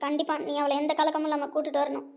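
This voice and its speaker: A woman's voice: high voice, monotone, racing, a little mellow. A woman playing a worried middle-aged mother who scolds and comforts her grown son. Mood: tender. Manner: pleading, scolding, tender. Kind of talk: web series drama acting.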